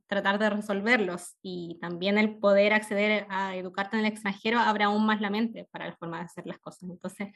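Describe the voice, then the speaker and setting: A young woman from northern Chile with a Chilean accent, speaking as a guest in a radio interview and pausing often to choose her words. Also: mid-range voice. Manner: thoughtful, with frequent fillers and self-corrections. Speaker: podcast host interviewed as guest.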